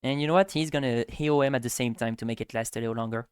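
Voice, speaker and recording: A man playing a tabletop game talks casually and a little rambly as he explains his character's moves. His voice is smooth and resonant. It is recorded dry and close, with no room sound. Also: medium pitch, very fast, no room sound. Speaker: player.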